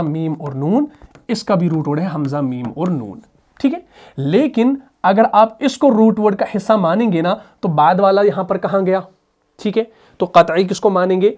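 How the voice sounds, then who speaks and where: A male teacher explains recitation rules at a measured pace. He keeps asking rhetorical questions and answers them himself, and he slows right down to repeat sounds for his students. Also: sits high, darkish tone. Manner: drills sounds by slow repetition. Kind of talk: explanatory tajweed lesson.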